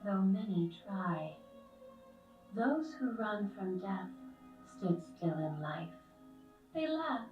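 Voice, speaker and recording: An ageless, gentle lamb spirit of death from a video game. The delivery is slow, calm and solemn, with measured poetic phrasing. The voice rings with echo and sounds set back from the listener. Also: female voice, mid-range voice, muffled recording. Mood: calm, foreboding. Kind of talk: scripted game character voice lines. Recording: echoing, distant playback over music.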